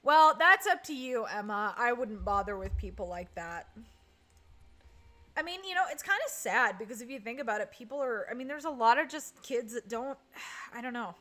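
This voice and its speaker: A woman's voice: on the high side, lively intonation, normal speed, sharp tone. A woman chatting casually on a live stream while playing, reading and answering chat and groaning at misses. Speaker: game streamer.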